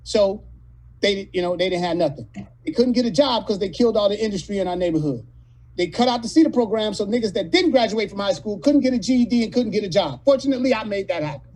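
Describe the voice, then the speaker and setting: A man in his late fifties from California, telling rough, profane stories as a guest in a casual interview. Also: high-pitched, animated, fast talker, a little mellow, rough recording. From California, USA. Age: 50s. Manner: profane, rambling, street-talking storyteller. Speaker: actor guest.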